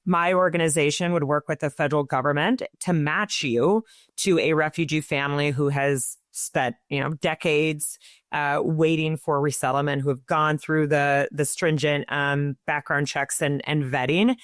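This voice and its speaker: A woman's voice: sits low, dry recording, clean studio sound. A woman speaking as an interview guest, explaining her nonprofit's work in an earnest way with many small restarts. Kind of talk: interview answers.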